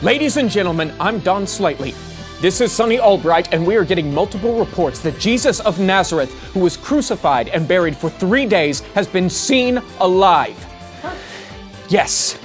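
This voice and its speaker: A man's voice: high voice, lively intonation, moderate pace, faint music behind. An actor playing an earnest, dramatic male breaking news anchor in a comedy sketch, with an urgent announcer delivery. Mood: excited, urgent.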